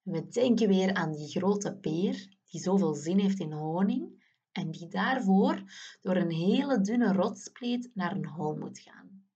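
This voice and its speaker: A woman's voice: fairly low pitch, lively intonation, takes it slowly, mellow, husky, dull audio. A woman guiding children through a muscle relaxation exercise, soothing and often dropping to a whisper.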